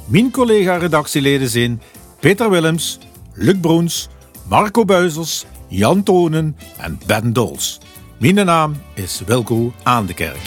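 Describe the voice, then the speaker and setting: A man's voice: on the high side, very animated, measured pace, faint music behind. A man with a broad southern Dutch Limburg accent, hosting a podcast and interviewing.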